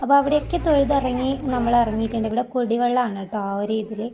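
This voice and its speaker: A woman's voice: a little high, fast, creaky, mellow. A woman with a Malayali accent narrating a casual vlog, mixing English words into her speech. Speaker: vlogger narrating a hill trek.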